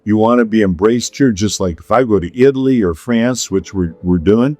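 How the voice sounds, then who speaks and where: A middle-aged man hosting a relaxed talk, drifting from one story to the next. He keeps circling back on himself and breaking into laughs. His voice sits close and dry on the mic, with faint music under it. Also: fairly low pitch, normal speed, no echo. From Pacific Palisades, California. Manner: rambling storyteller, laughs often. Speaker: podcast host. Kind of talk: casual chat.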